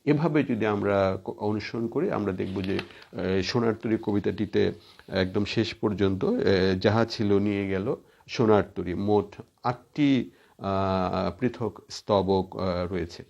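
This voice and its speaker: Low gravelly man lecturing with "ah"s. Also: a little mellow. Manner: explanatory, many drawn-out "ah" fillers. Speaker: college Bengali teacher. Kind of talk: recorded class lecture. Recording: dull lo-fi recording.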